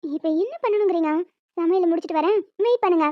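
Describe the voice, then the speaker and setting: A woman voicing a shy but feisty young newlywed wife in an animated short, scolding and pleading with her husband. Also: very high voice, fast talker, no room sound, muffled recording. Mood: flustered scolding. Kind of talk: cartoon voice acting.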